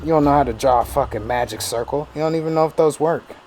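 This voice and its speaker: A man's voice: a little high, fast talker, darkish tone, soft background music. Profane ranting gamer man. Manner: profane, ranting, laughing asides. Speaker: gaming streamer. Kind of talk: casual let's-play commentary.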